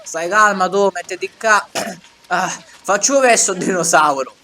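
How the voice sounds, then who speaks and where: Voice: medium pitch, measured pace, shouting, very noisy, close to an everyday voice. An actor voicing a frantic, foul-mouthed Sicilian in a comic parody dub of a dinosaur film, with a Sicilian accent and an exclamatory, colloquial manner. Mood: bossy, comic. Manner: exclamatory, colloquial, full of wails and swearing. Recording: music running under the voice.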